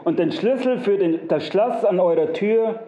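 A smug, wrinkled little gnome from a spoken fairy tale, put on by a male storyteller. He talks in coaxing, long-winded, repetitive promises in a rather high voice. The recording is dull and lo-fi with a roomy echo. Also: normal speed, close to an everyday voice.

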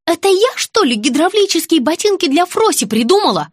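A woman's voice: animated, moderate pace, no room sound, studio quality. A woman reading an audiobook, voicing a hysterical, whining young blonde. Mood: shrill. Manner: shrill, whining.

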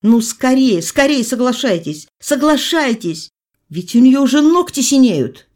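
Brief: young country doctor, read by a woman, urgent and insistent, raised and louder storybook voice. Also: high-pitched, sing-song, measured pace, pitched above the performer's own voice. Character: young male country doctor, tense and commanding.

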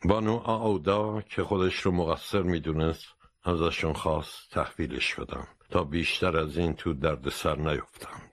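Very deep-voiced male audiobook narrator. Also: fairly even intonation, no echo. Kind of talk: scripted storybook narration.

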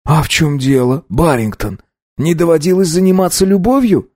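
A man's voice: a little high, normal speed, a little mellow, no echo, pitched above the performer's own voice, natural voice. A man voicing a brash young heir, full of himself and teasing, pushing his offers with a smug, playful tone. The voice stays close to the narrator's own, dry and close to the mic.

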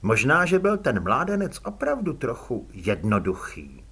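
Expressive, husky male audiobook narrator. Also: mid-range voice. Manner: expressive, dramatic storytelling.

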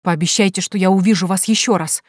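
A woman reading an audiobook voices an ardent young male detective who speaks slowly and gallantly. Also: fairly low pitch, no echo, clean studio sound, lightly acted. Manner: warm, slow, gallant.

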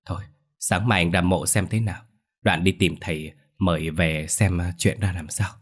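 A man's voice: low voice, fairly even intonation, moderate pace. A man playing a frightened grown son who stammers in a shaking voice after a nightmare. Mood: shaken. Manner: shaken, stammering, crying out. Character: frightened grown son haunted by dead father.

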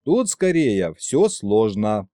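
A man voicing a chatty young elf king who explains things in a lively, raised voice. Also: lowish voice, takes it slowly, no echo, clean studio sound. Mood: explaining.

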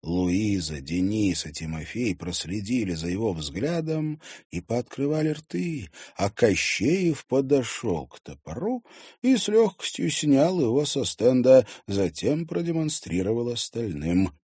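A man narrating an audiobook with expressive storytelling reading. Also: medium pitch, unhurried, husky, dry recording, clean studio sound. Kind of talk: scripted narration.

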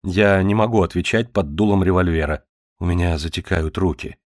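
A man voicing a polite, careful gentleman homeowner who speaks quietly and with restraint in an audiobook. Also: low voice, normal speed, dry recording, clean studio sound, close to an everyday voice.

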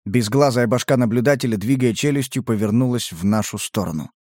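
A man narrates a first-person audiobook in a tense, dramatic way, at a middle pitch. The recording is close and dry, with no room sound. It is a plain studio reading. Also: brisk, a little mellow, no echo.

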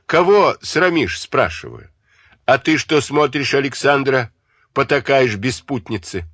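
A man's voice: medium pitch, lively intonation, unhurried, fairly bright tone, no room sound, clean studio sound, voice pushed up. A man reading an audiobook and voicing a blustering, indignant older uncle who sputters with rage. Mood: outraged. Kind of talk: audiobook character voice.

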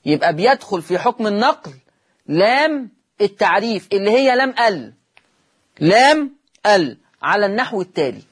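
Husky Egyptian man teaching Quran reading. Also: high voice, big pitch swings. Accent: Egyptian Arabic. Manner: explains step by step, asks the class questions and answers them himself; recites Quranic words slowly and drawn out. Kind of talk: televised lesson on Quran reading rules.

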